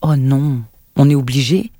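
A man reading as a hesitant, wry man in his thirties, muttering his words. The tone is warm and mellow, close to the reader's own. The sound is dry and near, like a storybook recording. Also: medium pitch, a little slow, no echo. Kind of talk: audiobook narration.

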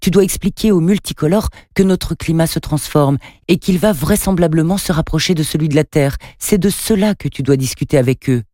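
A man's voice: on the high side, a little fast, hardly any pauses, mellow, dry recording, voice pushed up, close to an everyday voice. A man voicing a firm, matter-of-fact alien at a space station in a storybook. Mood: urgent.

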